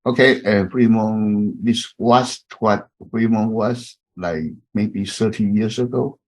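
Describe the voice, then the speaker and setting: Speaking with a Taiwanese accent, a man in his fifties from Taiwan presents himself to his online class as their professor. His voice is on the low side with a steady tone, though his delivery stumbles with fillers and restarts.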